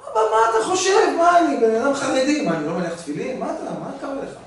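A man putting on a whiny, spoiled young son. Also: very animated. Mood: whining. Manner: high-pitched, whining, pushy. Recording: echoey hall, voice from far off.

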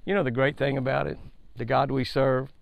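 An older man with a medium-pitched, level, creaky voice talks briskly as a fishing show host, giving a daily devotional with a fishing tip. He preaches in a folksy, emphatic style and repeats his points. It was recorded outdoors by a lake on a headset mic, and the audio sounds dull.

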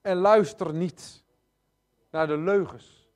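A male preacher delivering a sermon in a noticeably high voice for a man. He talks straight to the congregation, hammering points home with repetition. His delivery swings between loud stresses and quiet, hushed asides. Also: slow pace. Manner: addresses congregation directly.

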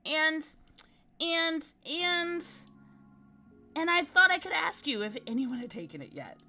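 A woman's voice: high voice, lively intonation, measured pace, sharp tone, pitched above the performer's own voice, full character voice. A woman voicing a nervous young female adventurer from a game, rambling through her anxious worries. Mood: excited, nervous. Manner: anxious, tumbling run-on worries. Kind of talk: reading game dialogue aloud.

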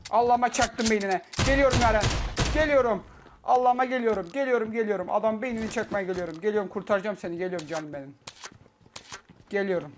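A man giving excitable, swearing live gameplay commentary on a cheap microphone. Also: high voice, fast, background noise. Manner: excitable, shouting, swearing, repeating himself. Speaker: gameplay streamer. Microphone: cheap poor-quality microphone. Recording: loud gunfire over a cheap mic. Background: loud game gunfire and clicks.

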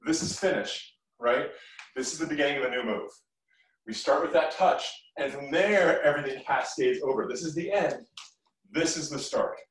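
Leading a live kung fu class indoors, a middle-aged man with a fairly high voice speaks at a moderate pace, giving concise instructions and encouragement. A camera across the medium-sized living room captures him with roomy echo.

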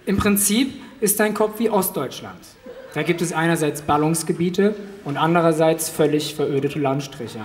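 Brief: blunt middle-aged father, voiced by a man, mocking and gruff, in a roomy hall. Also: a little high, moderate pace, a little hiss or hum, close to an everyday voice. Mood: cheerfully mocking.

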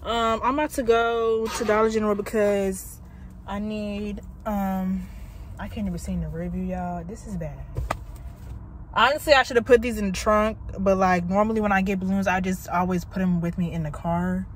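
A woman vlogging casually to her phone in a car, talking fast and loose, peppering everything with "like" and "y'all.". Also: mid-range voice, fairly even intonation, slight background noise. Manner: chatty, fills with "like" and "y'all", quick to exasperation. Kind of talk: casual chat to camera. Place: inside a car. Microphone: phone propped up in the car.

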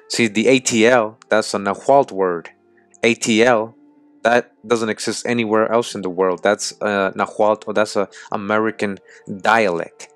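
A man's voice: on the low side, fairly bright tone, smooth, no room sound. A man hosting a video, reading excerpts from books aloud and commenting emphatically, often checking in with "all right?" and restating his points. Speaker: video host.

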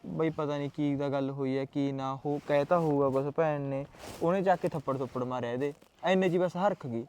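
An actor playing a calm elder brother who reassures his upset sister and plays down the quarrel. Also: fairly high pitch, fairly quick, a little hiss or hum, natural voice. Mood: dismissive. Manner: reassuring, placating. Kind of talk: film drama dialogue.

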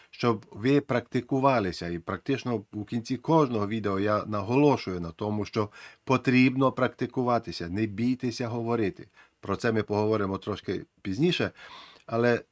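A man's voice: medium pitch, no room sound, clean studio sound. A man teaching a lesson, earnest and encouraging, repeating his key phrases. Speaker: English teacher.

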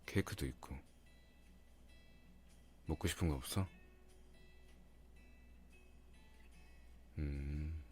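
A man playing a doting, teasing young boyfriend in an intimate ASMR ASMR role-play, murmuring softly and coaxingly close to the microphone. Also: rumbling low. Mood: caring, casual. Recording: music behind the voice.

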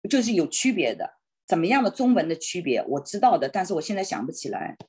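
A woman teaching an online Spanish class in Chinese on a video call, thinking aloud and hesitating, slowing down on Spanish words. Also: lowish voice, big pitch swings, a little mellow, slightly rough.

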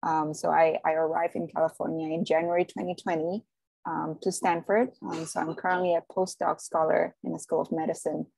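Woman on a video call, gravelly voice. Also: deep voice, level tone, a little fast, darkish tone, no echo. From Indonesia. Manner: friendly, many "um" fillers. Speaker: guest speaker, postdoc. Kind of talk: casual presentation.

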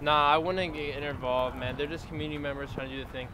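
Young male student, dry tongue-in-cheek delivery, slightly high voice, crowded outdoor take. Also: steady tone, fast, poor audio. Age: young adult. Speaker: college student. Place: outdoors in a city park. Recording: outdoor recording with a crowd around.

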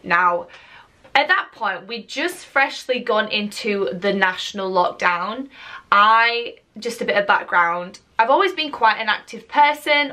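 A woman's voice: medium pitch, pushed and bright. A young woman from the UK, chatting enthusiastically to camera as a YouTuber. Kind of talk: casual vlog talk to camera.

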